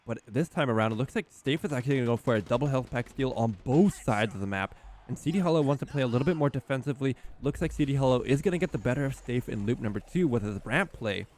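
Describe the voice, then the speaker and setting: A man casting a live esports match as play-by-play commentator, getting louder and higher at the big plays. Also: fast talker. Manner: excitable, rising in pitch and volume at key plays. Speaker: esports caster.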